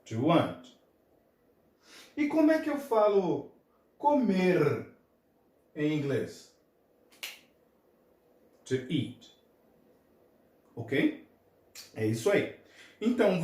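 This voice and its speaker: Male teacher, high and lively voice, slow drill-style delivery, echoey classroom. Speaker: English teacher. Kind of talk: classroom lesson. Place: classroom with a board. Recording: echoey room.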